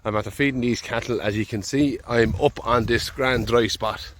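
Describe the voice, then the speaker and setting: With a mid-range voice, a steady tone and normal speed, an Irish farmer chats through a casual vlog out in a field, slight background noise around him. Despite a head cold, he stays easygoing, rambling and thinking aloud.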